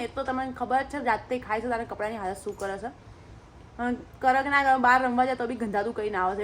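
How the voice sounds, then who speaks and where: A woman's voice: high-pitched, fairly bright tone, slight background noise. A young woman with a Gujarati accent, chatting casually in her family cooking vlog, calling her viewers "guys" and laughing often. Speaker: family vlogger.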